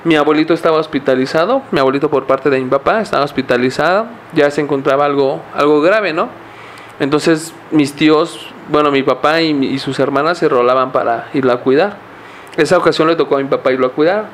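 A man's voice: a little high, quick pace, a little hiss or hum. A young man with a Mexican accent, a podcast co-host telling a story in casual chat, rambling and full of slang and fillers.

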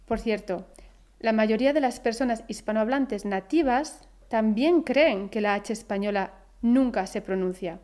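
A woman with a Spain accent, reading a scripted podcast lesson and saying each example word slowly and carefully. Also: a little high, a little mellow. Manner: slow, careful pronunciation of example words. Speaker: Spanish teacher, podcast host.

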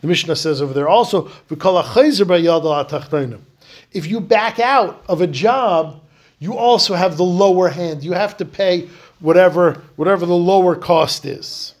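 A man's voice: sits high, moderate pace. A man teaching a Talmud class, emphatic, repeating key words for stress. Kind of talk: Talmud lecture.

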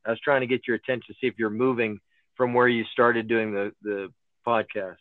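A man's voice: medium pitch, little pitch movement, a little fast, dry recording. A man hosting a podcast in easygoing, casual chat, heard through a tinny phone line. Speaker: podcast host. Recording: narrow phone-line sound, dry.

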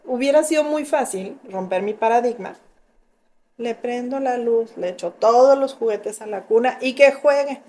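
A middle-aged woman with a Mexican accent, telling lively stories about motherhood in a casual group chat and acting out what she once said. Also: on the high side, normal speed. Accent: Mexican Spanish. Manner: animated storyteller, acting out her own past lines.

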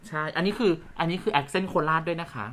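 A young woman from the Korat region co-hosting a casual podcast chat, playful and teasing, explaining things calmly. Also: on the low side, fast. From Korat region, Thailand. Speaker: podcast co-host, actor.

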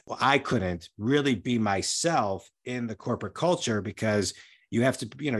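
A man talking casually as a podcast guest, telling anecdotes in a conversational way. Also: on the low side. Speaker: podcast guest, business coach and speaker.

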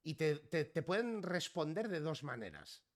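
A man's voice: on the high side, sing-song, moderate pace. A male podcast host interviewing a guest, curious and chatty, often restarting his words. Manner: curious, stammering restarts, storytelling. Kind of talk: casual interview chat.

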